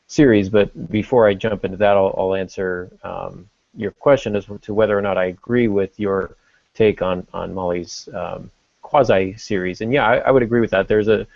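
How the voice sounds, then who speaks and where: A podcast co-host with a lowish, creaky, darkish voice explains his thinking as he goes in a casual discussion about fiction writing. The podcast audio is dull and lo-fi, with no echo.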